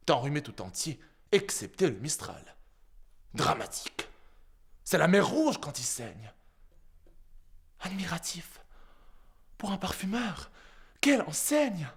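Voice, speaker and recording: A man's voice: fairly high pitch, full character voice. A man playing a proud, witty swordsman in a theatrical verse monologue, declaimed like a hammy stage actor with showy switches of tone. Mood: exaggerated, playful. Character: proud, witty swordsman mocking an insult to his large nose.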